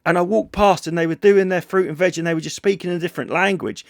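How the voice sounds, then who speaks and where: A man's voice: high-pitched, steady tone, fast talker, gravelly, dry recording, clean studio sound. A man chatting casually on a podcast, rambling and swearing, often trailing off mid-sentence. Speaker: podcast host. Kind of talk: casual chat.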